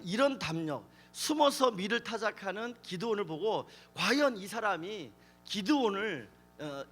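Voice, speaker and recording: High-voiced pastor telling a story. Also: male voice, fairly bright tone. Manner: storytelling, asks the audience questions. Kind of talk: youth camp sermon.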